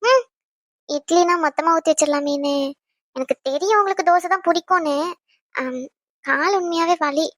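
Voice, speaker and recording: In a Tamil audio drama, a young woman plays a caring, affectionate pregnant wife, chatting away and tenderly fussing over her husband. Her voice is bright and high, at a moderate pace with long pauses. The recording is close and dry.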